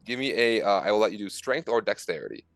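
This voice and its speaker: A man narrating as game master of a tabletop game, casual and halting, with many fillers. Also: fairly low pitch, expressive, creaky, dry recording.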